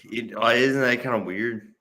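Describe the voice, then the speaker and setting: A man chatting casually while reacting to videos on a stream, halting and repeating his words, with many fillers. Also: medium pitch, pushed and bright, slight background noise. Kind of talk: casual chat.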